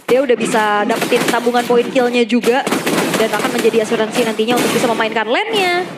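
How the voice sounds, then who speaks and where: An Indonesian woman works as a live esports commentator. Her voice sits high and comes through over very loud venue noise. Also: fast talker. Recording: loud ambient arena noise behind.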